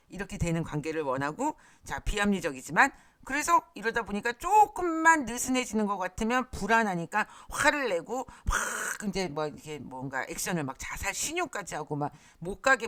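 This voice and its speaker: A woman's voice: mid-range voice, sharp tone, no room sound, clean studio sound. A woman giving an explanatory lecture, often starting sentences with a prompting word and briefly acting out the lines she quotes. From Korea.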